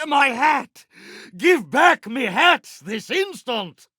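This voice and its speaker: A man's voice: extremely high pitch, very animated, slow, pushed and bright, no room sound, clean studio sound, heavily acted. A man voicing a vain, pompous middle-aged pirate captain for a video game, with a British accent and grandiose, mannered speech. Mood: indignant, wounded. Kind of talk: theatrical video game character voice acting.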